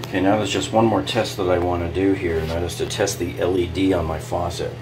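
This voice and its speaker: Speaking fast in a deep, level tone, this DIY remodeling host narrates a bathroom repair how-to indoors at home while music plays behind him. He explains each step practically, with relaxed filler words.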